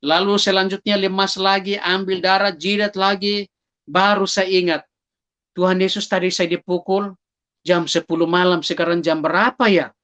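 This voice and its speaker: A man's voice: high-pitched, little pitch movement, normal speed, a bit bright. A man sharing a personal testimony in a vivid storytelling manner. He speaks straight to his listeners as brothers and sisters and acts out his own cries for help.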